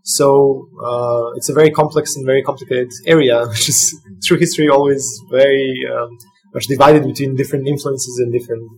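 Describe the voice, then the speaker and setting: A young man with a Serbian accent speaks as a guest in conversation. His voice is medium in pitch and noticeably husky. He explains things in hesitant, pieced-together phrases. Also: fairly even intonation, a little fast, rough recording. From Belgrade, Serbia. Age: young adult. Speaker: podcast guest, graduate student.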